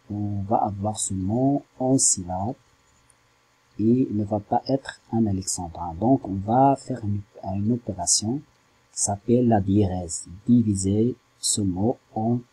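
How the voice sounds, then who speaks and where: Un homme, professeur de littérature, qui explique un poème lentement et en hésitant, en découpant les syllabes. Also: male voice, lowish voice, mellow, breathy edge, rough recording. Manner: slow, hesitant, spells out syllables. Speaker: French literature teacher. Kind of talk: slow classroom explanation.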